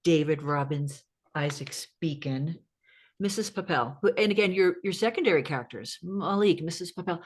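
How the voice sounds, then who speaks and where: A woman hosting a podcast interview, asking searching questions with halting restarts. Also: deep voice, breathy edge. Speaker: podcast host. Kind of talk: casual interview talk.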